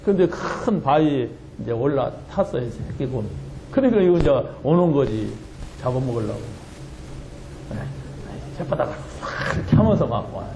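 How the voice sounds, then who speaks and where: Male pastor, lively storytelling sermon, slightly high voice, warm mellow tone. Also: creaky, echoey room, slight background noise, low-quality recording. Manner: animated storytelling, laughs often. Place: church sanctuary.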